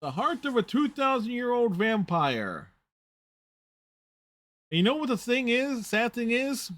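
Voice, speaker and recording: A man's voice: extremely high pitch, sing-song, measured pace, fairly bright tone, dry recording. A man hosting a reaction video, giving casual, rambling, conversational running commentary on a TV show.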